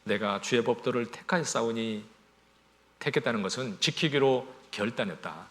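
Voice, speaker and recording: A man's voice: mid-range voice, normal speed. A male pastor giving a Sunday sermon in a conversational way, often asking the congregation rhetorical questions and acting out everyday scenes. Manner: acts out everyday scenes in small voices.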